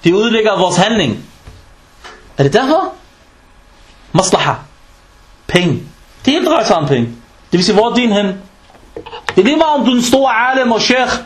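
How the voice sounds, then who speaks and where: High-pitched man preaching in an echoey mosque. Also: long pauses. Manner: animated storytelling with rhetorical questions; mixes in Arabic religious terms. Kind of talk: humorous sermon.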